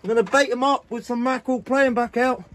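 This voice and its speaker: A fast-talking fishing vlogger with a very high, a bit bright voice and fairly even intonation gives casual commentary from a small boat. He's chatty and slangy, frequently saying "guys," while a camera or phone mic a few feet away captures noisy outdoor audio with faint boat sounds.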